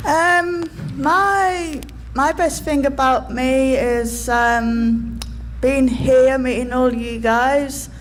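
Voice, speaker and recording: A woman's voice: high voice, fairly even intonation, drawn-out words, slight background noise. A woman in her twenties with an English accent, speaking on a panel with many hesitant ums. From England. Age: 20s. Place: conference hall.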